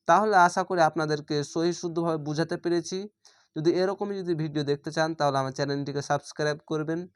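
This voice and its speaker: A man teaching how to recite a short chapter, stretching each verse slowly and then explaining the pronunciation rules. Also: a little high, fairly even intonation, clean tone, dry recording, clean studio sound. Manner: slow drawn-out recitation alternating with plain explanation. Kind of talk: tajweed lesson for learners.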